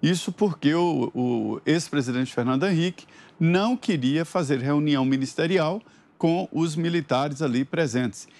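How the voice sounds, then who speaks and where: A male commentator with a somewhat high voice. He explains at a steady pace and pauses often on fillers. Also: gravelly. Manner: measured, explanatory, hesitant fillers. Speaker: political commentator.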